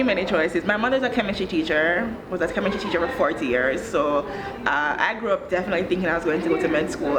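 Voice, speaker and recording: An education director from Jamaica, a woman in her thirties, gives considered, well-spoken interview answers at an even pace. Her voice is lowish, and there's background noise.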